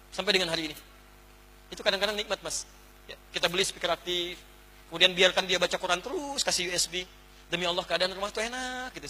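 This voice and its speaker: A man preaching an Islamic lecture to a congregation, animated, going from hushed to exclaiming and putting questions straight to the audience. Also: high-pitched, slightly rough. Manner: addresses the audience directly with questions. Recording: echoey hall.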